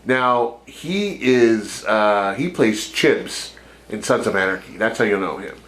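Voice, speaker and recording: Podcast co-host, male, lowish voice, loose rambling delivery with laughs. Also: animated, slow, a bit bright, low-quality recording. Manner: rambling, filler-heavy retelling; laughs while talking, jokey impressions. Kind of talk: casual chat.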